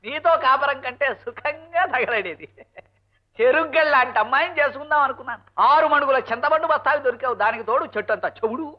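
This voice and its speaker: A sarcastic, grumbling husband. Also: male voice, very high-pitched, quick pace. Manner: grumbling sarcastic asides, barked commands. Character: sarcastic henpecked husband and college lecturer. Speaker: comic film actor. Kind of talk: 1970s Telugu film comedy. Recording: dull lo-fi film soundtrack.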